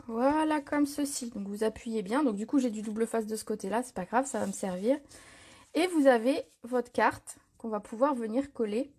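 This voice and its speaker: A woman hosting a live craft tutorial, chatting casually, answering viewer comments and filling pauses with little words as she works. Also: a little high, darkish tone, husky. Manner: chatty, reads viewer comments aloud, frequent fillers. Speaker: crafting demonstrator. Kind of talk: live stream tutorial chat.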